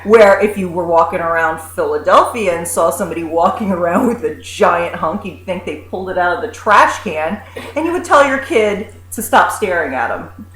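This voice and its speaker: A woman co-hosting a comedic rant, trading snarky, deadpan quips. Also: lowish voice, moderate pace, roomy sound, a little hiss or hum, low-quality recording. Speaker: co-host.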